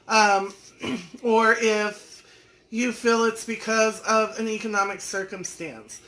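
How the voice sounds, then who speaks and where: Her voice is mid-range, bright and forceful as this forty-something woman hosts a live stream for her online business community. She chats folksily and ribs viewers by name while going through their comments.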